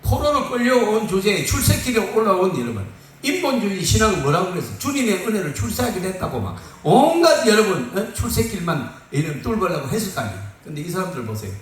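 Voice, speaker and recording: A male pastor preaching a sermon in a lively, joking way, laughing often, recorded on a phone from far off in a church hall. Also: high-pitched, fast. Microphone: phone far off in the room. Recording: echoey room from far off on a phone.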